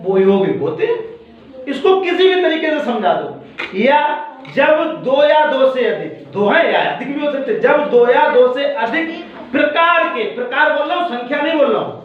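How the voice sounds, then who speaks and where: A man's voice: extremely high pitch, big pitch swings, normal speed. A male science teacher in a classroom, quizzing and scolding pupils, repeating his questions. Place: school classroom. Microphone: far from the mic. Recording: echoey classroom, far off, dull.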